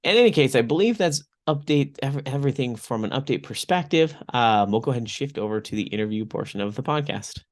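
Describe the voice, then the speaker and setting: A young podcast host recovering from strep throat talks casually, rambling with fillers, his voice a little off from the infection. His voice is mid-range and animated, and he talks fast with hardly any pauses.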